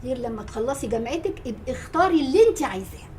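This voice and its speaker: A woman's voice: high voice, expressive, racing, darkish tone, faint music behind. An actress playing an affectionate but firm older grandmother talking with her granddaughter.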